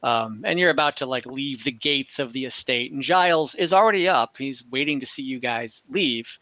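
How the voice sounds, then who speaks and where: A game master with a bright, mid-range voice narrates an online tabletop game and chats casually, speaking at a moderate pace. He's at home indoors on a group video call, using a computer or headset mic, and the audio is dull with no echo.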